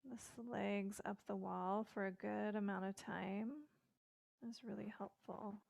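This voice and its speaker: A middle-aged woman guiding a yoga session with calm, gentle instructions and casual fillers, recorded indoors on a close mic. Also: mid-range voice, measured pace, vocal fry, no echo, dull audio.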